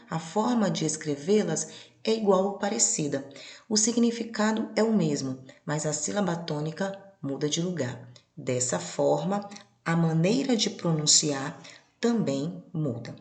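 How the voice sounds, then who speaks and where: A woman's voice: lowish voice, a little mellow. A Brazilian woman with a Brazilian Portuguese accent gives a recorded exam-prep Spanish lesson, repeating key points and modelling pronunciations. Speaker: Spanish teacher. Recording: echoey room.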